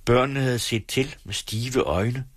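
A man reading a novel aloud on radio with a measured, dramatic delivery. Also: mid-range voice, breathy edge, no echo. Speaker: radio reader.

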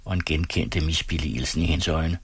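En mand, der læser en novelle op i et roligt, afmålt tempo. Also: male voice, rumbling low, fairly even intonation, breathy edge, no room sound. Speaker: audiobook narrator. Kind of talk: scripted narration.

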